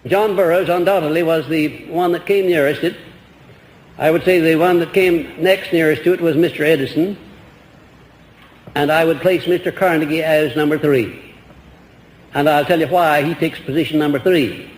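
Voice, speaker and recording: A man's voice: on the high side, fairly even intonation, normal speed. An older man giving an earnest, rambling lecture to an audience, heard on an old archival recording. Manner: earnest, rambling with restarts and rhetorical questions. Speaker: lecturer answering audience questions. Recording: echoey old hall recording with faint hiss.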